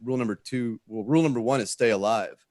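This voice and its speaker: A writer and filmmaker speaks casually and earnestly to a group, swearing freely and often doubling back on his phrases. His mid-range, slightly mellow voice moves quickly, with studio quality and no room sound.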